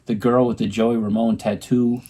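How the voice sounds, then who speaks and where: Casual male co-host, rambling delivery with lots of ums, mid-pitched, at home. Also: flat delivery, normal speed, warm tone, husky. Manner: rambling, many ums and restarts. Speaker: co-host showing his record purchases. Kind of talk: casual chat.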